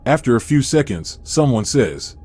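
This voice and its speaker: A man reading a scripted first-person horror story in a steady, measured way. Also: mid-range voice, slightly rough, soft background music. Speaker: narrator.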